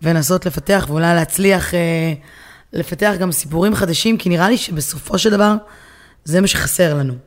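A woman with an Israeli accent co-hosting a casual discussion, often pausing to search for her words. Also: fairly low pitch. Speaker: podcast co-host.

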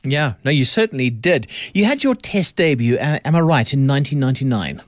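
A man's voice: medium pitch, sing-song, brisk, no room sound. A South African man hosting a radio sports talk show, chatty and enthusiastic. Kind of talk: radio interview.

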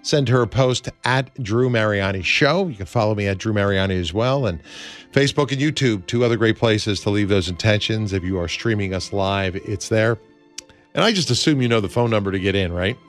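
A man hosting a radio show in a studio, talking in a smooth, earnest, conversational way with many fillers as he leads prayer. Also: fairly low pitch, fairly quick, soft background music. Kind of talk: smooth radio host talk, leading prayer.

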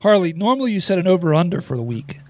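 A man's voice: high-pitched, very animated, very fast, darkish tone, a little hiss or hum. A man hosting a podcast, talking in a loose, chatty way with plenty of ums. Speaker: podcast host. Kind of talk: casual podcast chat.

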